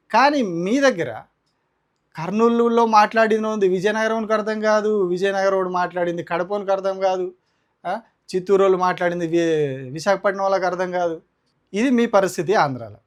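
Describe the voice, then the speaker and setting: Man, Telangana accent, high voice, indignant political commentary, combative rhetorical delivery. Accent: Telangana Telugu. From Telangana, India. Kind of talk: heated opinion commentary.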